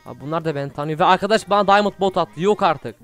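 A young man commentating his own video game play, excitable and easily frustrated, swearing often. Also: high-pitched, rapid-fire, soft background music. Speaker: gaming YouTuber. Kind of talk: Minecraft gameplay commentary.

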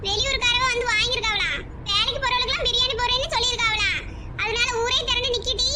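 A woman's voice: very high voice, fairly even intonation, quick pace, sharp tone, slight background noise, full character voice. A woman voicing a bossy elder sister who nags and scolds, with a southern Tamil accent. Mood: scolding. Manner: scolding, nagging. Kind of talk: cartoon voice acting.

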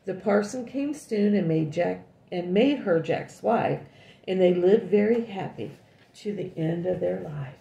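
An older woman reading a picture book aloud to a child, often pausing to comment and ask questions. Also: fairly low pitch, lively intonation, gravelly, dark tone. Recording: echoey room.

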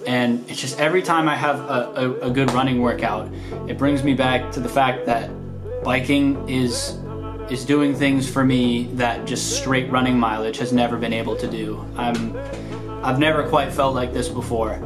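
A young man talking casually to camera at home, reflective and relaxed, with many restarts and fillers. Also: mid-range voice, normal speed, music in the background. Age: young adult. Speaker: runner and vlogger. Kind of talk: casual vlog talk to camera. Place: small room at home, indoors. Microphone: camera close at arm's length.

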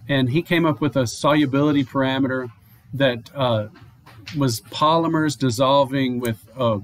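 A man's voice: medium pitch, a little hiss or hum. Man teaching a chemistry lecture. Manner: explanatory, with frequent fillers and restarts. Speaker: chemistry professor. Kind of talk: recorded online lecture. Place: home or office, online lecture.

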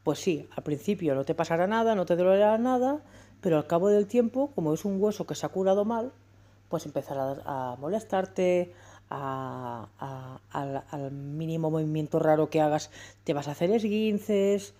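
A woman in her forties talks straight to camera in a family vlog. Her voice sits a little low. She is candid and emphatic, breaks off to restart, and keeps asking her viewers rhetorical questions. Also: expressive, moderate pace, warm tone. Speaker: family vlogger. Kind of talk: talking to camera.

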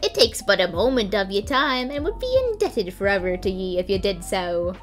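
A woman voicing a swaggering pirate, drawling slowly and theatrically with pirate slang, over faint music. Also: mid-range voice, sing-song, close to an everyday voice. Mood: hammy.

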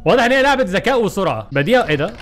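A man with an Egyptian Arabic accent giving excitable, joking let's play commentary, talking back to the game. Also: high voice, racing. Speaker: gaming YouTuber.

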